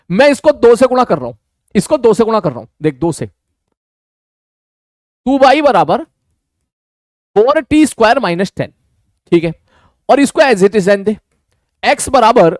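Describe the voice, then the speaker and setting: High-voiced Hindi-speaking maths teacher. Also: male voice, darkish tone, no room sound, clean studio sound. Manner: casual, addresses students informally, asks and answers his own questions. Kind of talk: online maths lecture.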